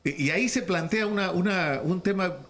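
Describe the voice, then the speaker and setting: Here a man with a high-set, fairly bright voice speaks in a radio interview. He's from Peru and has a Peruvian Spanish accent, and his delivery is halting, full of repeated words as he presses his case.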